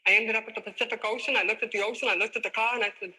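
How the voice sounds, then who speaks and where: A woman's voice: a little high, steady tone, racing, very noisy. A woman in her forties gives a motivational talk, telling her life story in an emphatic, dramatic way. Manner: emphatic, dramatic, acts out her own past dialogue. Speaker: motivational speaker.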